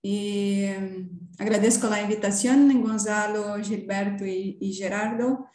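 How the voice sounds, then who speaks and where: This academic presenter, a native Portuguese speaker in her thirties with a Brazilian accent, gives a seminar and pauses to search for words. Her voice is mid-range and darkish, with fairly even intonation and an unhurried delivery. The video call picks her up in an indoor room with a roomy echo.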